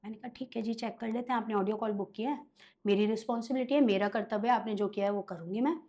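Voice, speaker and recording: A woman's voice: fairly high pitch, fairly even intonation, fast, darkish tone. A woman guest telling stories in a conversational interview, animatedly acting out her clients' voices in quotes. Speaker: guest, occult healer.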